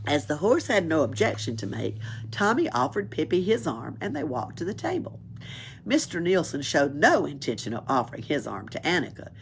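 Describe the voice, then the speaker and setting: A woman with a low voice reads a children's story aloud as a library storyteller, with a little hiss or hum on the recording. She's expressive, chuckling and adding asides.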